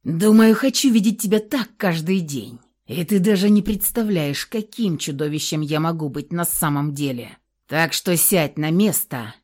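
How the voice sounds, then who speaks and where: A woman voicing a cruel, scheming husband in an audiobook, who shouts insults and then turns cold and sneering. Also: sits low, animated, moderate pace, voice pushed down. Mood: menacing. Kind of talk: audiobook character reading.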